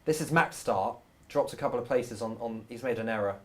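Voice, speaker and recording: A man's voice: mid-range voice, fairly quick, fairly bright tone. A man hosting live motorsport commentary, calling the action and bringing in his co-commentators.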